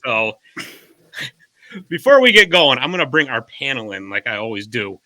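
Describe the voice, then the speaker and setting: A man's voice: medium pitch, sing-song, moderate pace, bright, forceful tone, no echo. A man hosting a casual hockey podcast, jokey and chatty, recording remotely. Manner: jokey, chatty, laughs often. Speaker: podcast host. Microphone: remote call setup.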